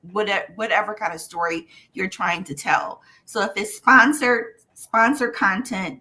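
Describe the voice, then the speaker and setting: A woman's voice: mid-range voice, fairly bright tone. A woman who teaches journalism, speaking as a panel guest in an articulate, lecturing way that builds points in lists. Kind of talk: panel discussion.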